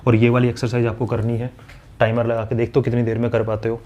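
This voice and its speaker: A man's voice: mid-range voice, completely flat delivery, a little mellow, lo-fi sound. A man teaching maths straight to camera, scolding and coaching his students in a direct teacher's manner. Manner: acts out students' replies and recites tables quickly.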